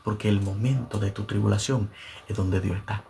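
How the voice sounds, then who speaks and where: A man's voice: on the low side, fairly even intonation, normal speed, creaky, warm tone, a little hiss or hum. A man preaching a sermon as pastor, fervent and repeating phrases for emphasis.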